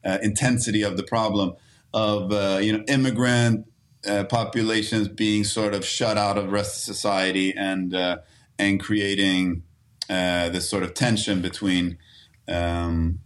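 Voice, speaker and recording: A man's voice: fairly low pitch, level tone, measured pace. A man from Sweden in his thirties, an actor talking casually as a guest, with many restarts and fillers. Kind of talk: casual interview talk.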